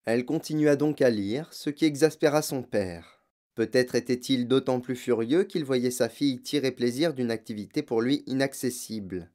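A man reading a children's novel aloud as an audiobook, in measured, expressive narration. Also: medium pitch. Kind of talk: scripted narration.

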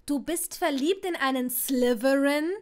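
A woman putting on a shrill bossy teen girl. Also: a little slow. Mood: exasperated. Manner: sharp, loud, high-pitched outbursts. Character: fiery bossy teenage girl, blunt and shrill.

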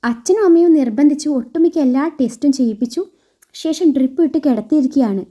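A woman storyteller reading a scripted romantic story in a steady, expressive way. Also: high voice, fast.

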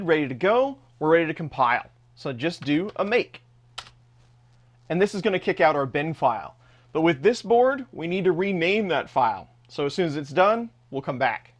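Man, tech tutorial voice-over, step-by-step, fairly high voice, casual. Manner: plain step-by-step explaining, casual. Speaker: host of a 3D printing tech channel. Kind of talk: screen-recorded tutorial narration.

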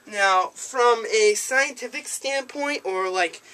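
Speaking slowly in a high, bright, forceful voice, a young man rambles through a prank call with hesitant, overfamiliar chatter. The noisy, clicky amateur sound comes from a handheld camera a few feet away in a small, cluttered indoor room.

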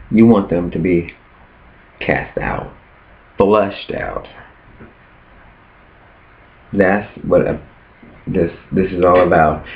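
A man preaching earnestly in a casual vlog, often asking rhetorical questions. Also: deep voice. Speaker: preacher sharing his fast. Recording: tinny phone-like sound.

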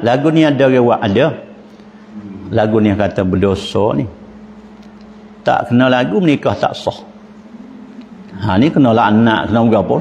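Pattani malay guy giving a mosque lecture, chuckles a lot, big hall reverb, faint noise. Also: medium pitch. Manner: lively, rhetorical questions, frequent chuckles. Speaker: Islamic religious teacher. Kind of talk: religious lecture in local dialect.

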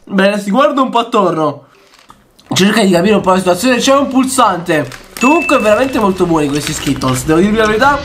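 A young man doing excited reaction commentary on a video as a YouTuber, often shouting and laughing. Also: high-pitched, brisk, slight background noise. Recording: background music under the voice. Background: background music.

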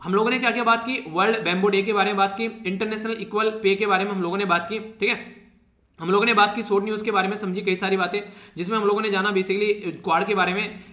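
Fast, bright-voiced male teacher. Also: high-pitched, reverberant. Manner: chatty, teasing students, laughs often. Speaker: current affairs teacher. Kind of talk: casual Hindi exam-prep lecture.

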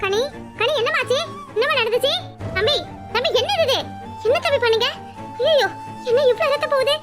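A woman's voice: very high-pitched, fairly quick, over music. A woman voicing an older cartoon mother who is shocked and scolds her son. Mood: shocked scolding.

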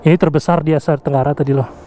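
A man's voice: on the high side, steady tone, fast, dark tone, a little hiss or hum. A man with an Indonesian accent giving casual, slangy vlog commentary, joking and exclaiming as he goes. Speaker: vlogger. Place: indoor theme park, action camera worn or held. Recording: music behind the voice.

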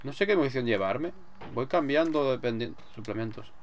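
A man's voice: mid-range voice, expressive, a little fast, slight background noise. A man with an accent from Spain giving casual, sweary gameplay commentary, muttering to himself as he plays. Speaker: gamer, let's player. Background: game music.

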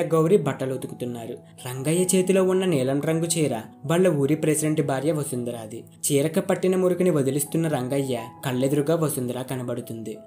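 Man reading a story, warm mellow tone, soft guitar music in the background. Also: mid-range voice. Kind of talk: scripted story narration. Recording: narration over faint guitar music. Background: faint guitar music.

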